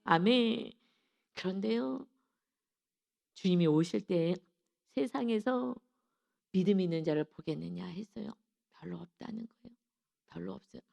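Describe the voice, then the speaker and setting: A woman's voice: medium pitch, creaky, mellow, highs cut off. A woman pastor preaching a dawn devotional sermon with fervor, acting out the lines of biblical characters and calling for amens. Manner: fervent, acts out biblical dialogue, calls for amen.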